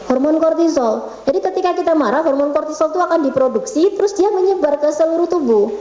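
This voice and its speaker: This middle-aged woman is a religious speaker at a women's study session, talking in a government office meeting room with an echo. She sounds high, animated, fast, and mellow on a lo-fi recording, chatting with her listeners, quizzing them, and slipping into Javanese.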